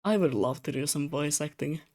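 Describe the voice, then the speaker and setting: Speaking briskly despite being tired, a young adult streamer whose native tongue is Russian chats while drawing commissions. The middle-pitched voice is a little mellow and slightly slurred. Rambling and self-teasing, the casual talk into the streaming mic is broken up by laughs.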